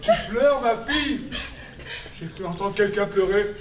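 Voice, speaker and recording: An amateur actor playing a calm, gentle father in a stage play. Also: high voice, a little slow, a little hiss or hum. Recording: echoey hall, distant camera.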